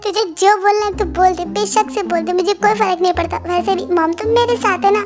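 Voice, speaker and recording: A woman doing a bossy, smug big brother, high voice. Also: fairly even intonation, fairly quick, over music. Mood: mocking. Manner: scolding, threatening, mocking. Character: bossy older brother, hot-tempered and smug. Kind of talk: fan-dub voice acting.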